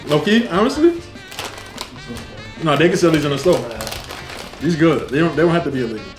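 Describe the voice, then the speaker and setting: Casual male taster, animated, roomy sound with music behind. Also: on the high side, a little fast. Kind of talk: casual taste-test chat. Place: indoor room at a table. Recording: distant mic, echoey room, music underneath.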